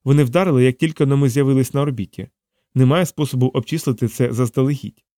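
A man voicing a tough, blunt female shuttle pilot in an audiobook, raising his pitch for her and speaking curtly. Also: steady tone, fast talker, mellow, no echo, clean studio sound, close to an everyday voice. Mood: tense.

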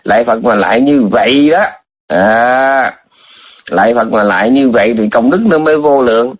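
A husky-voiced man, delivering a Buddhist dharma talk in a loose, chatty way, teasing and circling back to drive his points home. His voice sits at an ordinary middle pitch. The recording is dull and lo-fi. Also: moderate pace. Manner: chatty, teasing, repeats points with emphatic asides.

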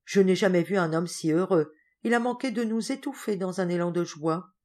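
A woman voicing a lively, brisk governess who chides and teases in a storybook reading. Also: lowish voice, lightly acted.

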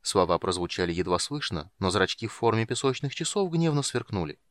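A man narrating a fantasy audiobook in a steady, measured storytelling voice. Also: on the low side, no room sound.

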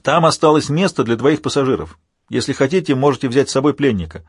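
A man voicing a male soldier who shouts briskly in an audiobook. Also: medium pitch, breathy edge, no room sound, studio quality. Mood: urgent. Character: male soldier shouting over helicopter noise.

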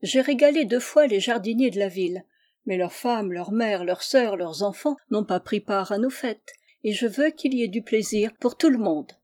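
A woman's voice: medium pitch, moderate pace, a little mellow, lightly acted. A woman reading a storybook, voicing a confident, charming young male gardener. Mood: cheerful.

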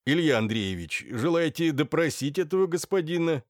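A man's voice: a little high, lively intonation, normal speed, no echo, clean studio sound, voice pushed up, natural voice. A man doing a curt gendarme colonel. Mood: brisk. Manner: curt, commanding. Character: brisk middle-aged gendarme colonel.

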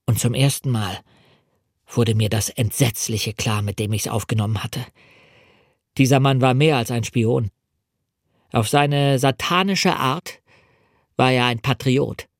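A man reading a novel aloud as an audiobook in a measured, dramatic first-person storytelling manner, in a studio. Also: mid-range voice, no echo. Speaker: audiobook reader. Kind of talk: scripted audiobook narration.

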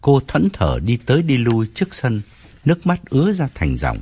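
Husky male audiobook narrator. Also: mid-range voice, moderate pace. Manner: expressive storytelling.

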